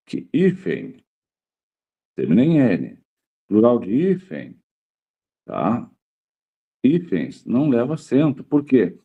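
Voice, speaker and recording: A male teacher takes his class through a grammar lesson, repeating key words and checking in with the students after almost every point. His voice is lowish, and the audio sounds narrow and tinny.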